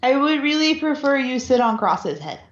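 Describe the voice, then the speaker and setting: A woman's voice: high voice, sing-song, moderate pace. A woman playing a tabletop role-playing game, bantering casually in character. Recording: echoey, muffled room sound.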